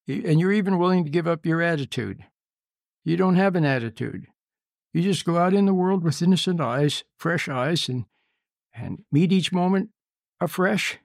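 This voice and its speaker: A man giving an informal sermon, emphatic and repetitive, often checking in with a quick "See?". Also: on the high side, vocal fry, a little mellow, dry recording, studio quality. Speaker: preacher.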